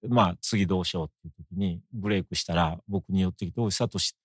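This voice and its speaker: A middle-aged man speaks with an Osaka accent, in a somewhat low voice, measured and reflective, now and then lifting his pitch for emphasis. The recording is dry and close, with no room sound. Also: husky, no echo. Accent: Osaka Japanese. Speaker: guest. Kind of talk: conversational interview.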